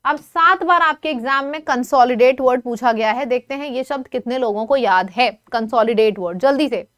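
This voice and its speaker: A woman teaching an online vocabulary lesson in a lively, coaxing way, often asking her students questions. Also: high-pitched, moderate pace, clear, resonant tone.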